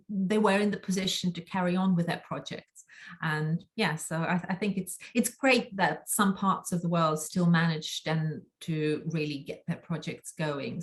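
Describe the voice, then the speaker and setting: Thoughtful woman guest on a call. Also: fairly low pitch. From Latvia. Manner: thoughtful, with frequent ums and restarts. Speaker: actress guest. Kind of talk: interview conversation.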